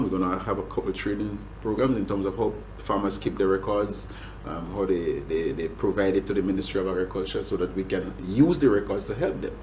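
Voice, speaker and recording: A man's voice: on the low side, a little mellow, a little hiss or hum, low-quality recording. A man with a Grenadian accent, a government agriculture official answering interview questions with many restarts and fillers.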